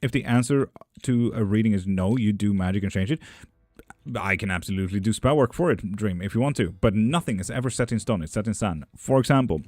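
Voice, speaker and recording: This tarot reader and witchcraft streamer is a young man who reads viewer messages aloud on a casual livestream, joking around and swearing a lot. His voice sits fairly low and comes across animated, slightly fast, and a little mellow. The recording is dry and studio quality.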